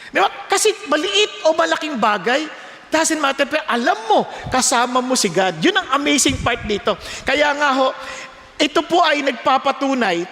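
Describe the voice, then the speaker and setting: A man preaching a sermon as pastor, telling stories in an animated way that often climbs in pitch and volume. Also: big-room sound.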